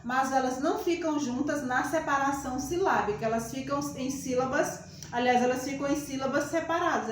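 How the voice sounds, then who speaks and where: A woman teacher with a high voice explains grammar rules at the board, patiently repeating herself and asking her students rhetorical questions. She is recorded from a distance in a very echoey classroom. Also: slight background noise. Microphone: camera far from speaker. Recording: very echoey room, voice from far off.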